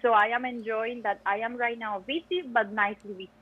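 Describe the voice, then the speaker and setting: Speaking fairly quickly in a steady, slightly high and somewhat rough voice, this young woman from Costa Rica chats emphatically as a podcast guest about her music education PhD. She is a native Spanish speaker with a Costa Rican accent, and the sound is lo-fi.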